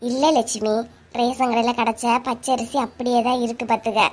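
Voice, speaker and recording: A soft-spoken older village auntie, as a woman puts her on for a cartoon, with a Kanyakumari lilt and a high voice dropped lower. She sounds homely and unhurried. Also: level tone, natural voice. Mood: calm, homely. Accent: Kanyakumari Tamil. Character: older village woman Rani, gentle and practical. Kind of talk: cartoon voice acting.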